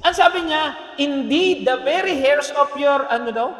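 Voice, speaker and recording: A Filipino man preaching in a church hall, his voice pitched unusually high for a man. He talks in an animated, joking way and keeps tossing questions to the congregation. The sound carries a long, roomy reverb from the hall around him. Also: moderate pace, faint music behind. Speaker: pastor. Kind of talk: sermon.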